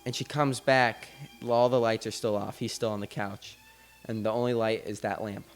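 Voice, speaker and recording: A man with a low voice tells a story on a podcast. He talks in a loose, casual way and restarts his sentences often. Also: fairly even intonation, normal speed, soft background music. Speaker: podcast host.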